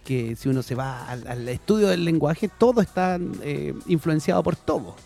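A man's voice: a little high, lively intonation, normal speed, vocal fry, a little mellow, faint music behind. A man with a Chilean accent co-hosting a radio show, chatting casually and eagerly explaining while switching between Spanish and English. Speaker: radio co-host. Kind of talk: casual bilingual radio chat. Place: radio studio.

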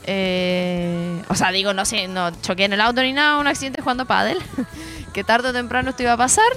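A woman with a Chilean accent, a radio co-host chatting casually, telling a story with animated energy and frequent laughter. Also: medium pitch, fairly quick, soft background music. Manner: animated storyteller, laughing often, lots of slang.

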